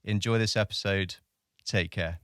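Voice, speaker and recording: A man's voice: on the low side, steady tone, moderate pace, over loud music. A man hosting a podcast, talking in a friendly, chatty way with lots of fillers. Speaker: podcast host. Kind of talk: casual podcast chat.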